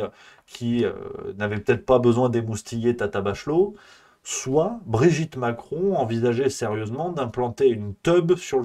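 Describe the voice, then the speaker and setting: A man's voice: mid-range voice, darkish tone. A man hosting a live stream, ranting in a casual satirical way, rambling and mocking with many hesitations.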